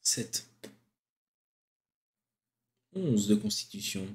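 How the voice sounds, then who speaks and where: A man's voice: fairly low pitch, sing-song, very slow, breathy edge. A man playing in a tabletop game, chatting casually and exclaiming over his dice rolls. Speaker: player.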